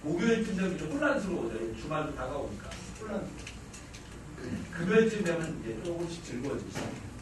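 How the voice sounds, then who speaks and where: A man in his forties giving a lively parenting lecture to an audience, acting out family dialogue and joking with the room. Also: a little high, quick pace. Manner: animated, acts out family dialogue, jokes with the audience. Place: lecture hall. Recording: echoey hall, distant mic, noisy.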